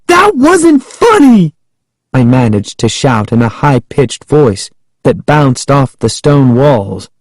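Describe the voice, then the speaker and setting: A man reading a children's horror book aloud in the first person, slow and suspenseful with dramatic emphasis. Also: medium pitch, mellow, no room sound. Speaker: audiobook reader.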